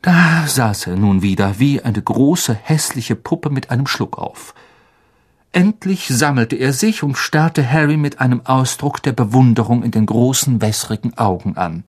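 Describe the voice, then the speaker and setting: Male narrator reading a story aloud, husky voice, calm and steady. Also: medium pitch, a little slow. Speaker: audiobook narrator.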